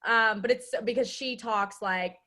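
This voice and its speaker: A woman's voice: a little high, a little slow, bright, forceful tone. A young woman in casual chat on a video call, animatedly telling a story about her mother. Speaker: student club member.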